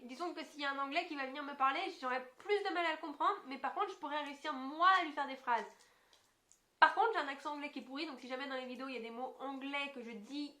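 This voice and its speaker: Bright high-voiced woman, self-mocking. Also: fast talker. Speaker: co-host. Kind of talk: casual chat. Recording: roomy echoey sound.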